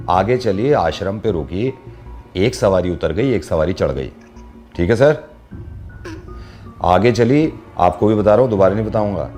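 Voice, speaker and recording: A man's voice: sits low, darkish tone. A man playing a radio prank, chatting and telling a teasing story to a caller. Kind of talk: playful radio prank call.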